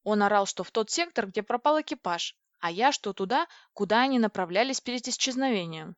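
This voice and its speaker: A woman narrating a first-person audiobook in a brisk, expressive way. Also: mid-range voice, no echo. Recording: dull, dry audiobook recording.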